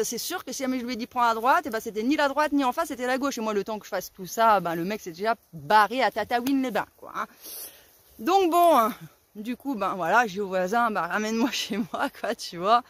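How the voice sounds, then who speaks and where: A young woman vlogger telling a story in casual, slangy speech, excitable and animated, acting out her own shouts. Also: fairly high pitch.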